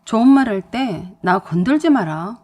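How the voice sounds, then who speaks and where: A woman voicing an angry, domineering husband who scolds loudly in a story reading. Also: a little high, lively intonation, normal speed. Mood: angry shouting. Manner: loud and scolding.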